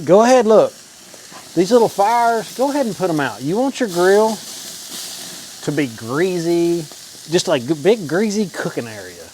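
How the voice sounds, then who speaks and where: A man's voice: on the high side, a little mellow, rough recording. A man hosting a home cooking vlog, talking to the camera in a casual, folksy, informal way as he cooks. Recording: clear sizzling and frying noise. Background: food sizzling on a grill.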